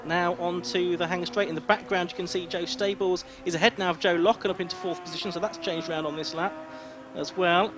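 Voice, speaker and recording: A man's voice: high-pitched, fairly even intonation, quick pace, few pauses. A man working as a motorsport commentator, calling a race live with descriptive play-by-play. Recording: noisy trackside outdoor sound, engines behind.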